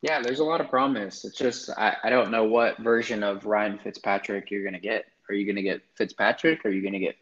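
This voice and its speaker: A man's voice: lowish voice, steady tone, brisk, hardly any pauses, fairly bright tone, muffled recording. A man co-hosting a sports podcast, easygoing and steering the talk. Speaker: podcast co-host. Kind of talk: casual sports chat.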